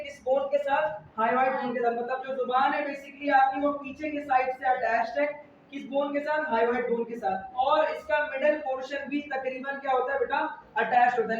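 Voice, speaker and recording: A man's voice: very high-pitched, recorded from a distance, slight background noise. A male biology teacher, giving a classroom lecture and quizzing students with repeated questions. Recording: echoey lo-fi room recording from afar.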